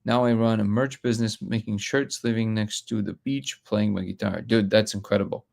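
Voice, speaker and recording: A man's voice: on the low side, fairly even intonation, normal speed, gravelly, a little mellow. A man from Russia hosting a live stream, reading comments aloud and talking bluntly with frequent restarts.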